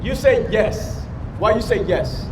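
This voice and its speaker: A man preaching on a city street, loud and emphatic, quizzing passers-by with questions. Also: sits high, lively intonation, takes it slowly, noisy background. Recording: distant, echoey street recording with music.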